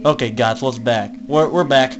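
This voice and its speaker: A young man casually commenting on a game he is playing, laughing a lot and shouting in panic when scared. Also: medium pitch, normal speed, muffled recording, background noise. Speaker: gamer.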